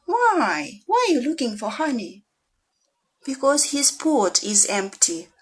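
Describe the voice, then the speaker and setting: A woman with a Russian accent, an English teacher for young children, reading a picture book aloud with big leaps up in pitch and slow, drawn-out questions. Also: slightly rough. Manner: animated storyteller with big swoops up in pitch.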